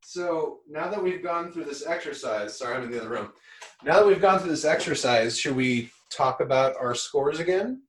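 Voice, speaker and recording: A man chatting casually on a podcast, speaking from another room, so he sounds quiet and distant, as if through a wall. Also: on the high side, animated, moderate pace, echoey room, a little hiss or hum. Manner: laughs easily, giggly and chatty. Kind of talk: casual chat. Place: in another room, away from the mic.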